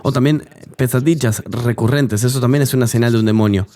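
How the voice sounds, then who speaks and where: A man's voice: medium pitch, brisk, dark tone. A man telling his testimony earnestly as an interview guest, in a dubbed voice-over of an interview.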